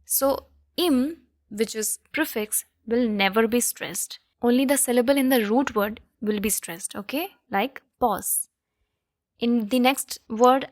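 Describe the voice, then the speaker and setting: A literature teacher gives an explanatory lesson in a slightly high voice, often checking in with listeners by asking "okay?" and "right?". The studio recording is clean, with no room sound.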